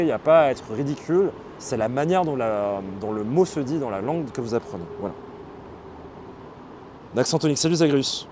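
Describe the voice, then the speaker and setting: A man hosting a live stream, explaining things casually and pausing often on fillers as he reads and answers chat. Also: mid-range voice, dark tone, a little hiss or hum. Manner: explanatory, hesitant, with many fillers. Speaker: livestream host.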